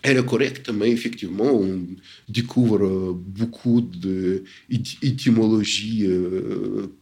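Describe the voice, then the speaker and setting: A man's voice: lowish voice, fairly even intonation, measured pace, vocal fry, darkish tone. A man with a foreign accent, answering interview questions as a literature scholar, hesitant with many fillers and self-corrections. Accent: foreign accent in French.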